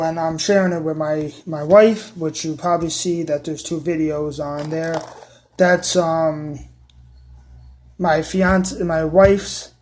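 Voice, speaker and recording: A man's voice: a little high, a little mellow. A tired man casually talking through a card game deck, hesitant and stumbling, often restarting his sentences. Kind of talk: casual deck profile talk.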